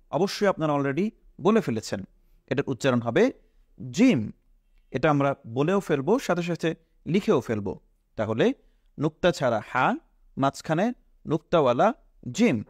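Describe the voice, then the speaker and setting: Lively teacher man quizzing viewers. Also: a little high, no echo, clean studio sound. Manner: patient, quizzing the viewers, stressing each letter name. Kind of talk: Quran alphabet lesson.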